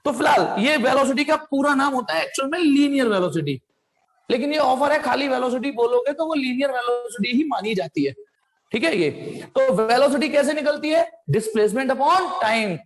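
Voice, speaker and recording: High-voiced physics teacher quizzing students. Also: male voice, lively intonation, moderate pace. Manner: quizzes students and answers his own questions, mixes Hindi with English terms; playful asides, sound effects. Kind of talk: classroom physics lecture.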